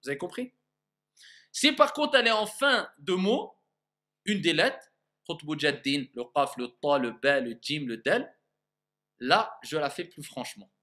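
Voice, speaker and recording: A man teaching a recitation lesson, his voice fairly high and bright, with a clear, forward ring. He explains patiently, sounds out each example himself and keeps checking that his class follows. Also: expressive, measured pace, long pauses. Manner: patient, checks understanding often, demonstrates sounds aloud.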